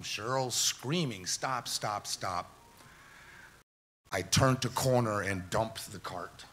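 A middle-aged man giving an emotional eulogy for his mother at a church memorial, halting and telling stories. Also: lowish voice, sharp tone, slight background noise. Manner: halting, tearful storytelling, quoting his mother. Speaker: eulogy speaker, son of the deceased.

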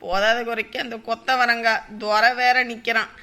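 A high, bright voice of a self-pitying mother-in-law, grumbling to herself about her hunger. She is middle-aged and speaks in the rural of Nadu. The delivery is a drama's, muttered and plaintive. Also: flat delivery, normal speed, clear, resonant tone. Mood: scheming. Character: hungry, scheming village mother-in-law. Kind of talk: village web-series drama.

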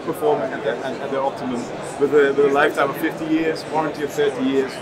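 At a trade stand in a large, loud exhibition hall, a company representative in his thirties demonstrates a product over background crowd noise. His mid-range voice is flat, and he speaks haltingly, restarting words again and again.

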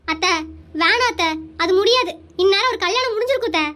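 Performer voicing a soft-spoken heartbroken young woman. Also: very high voice, quick pace. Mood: sad. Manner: soft, subdued.

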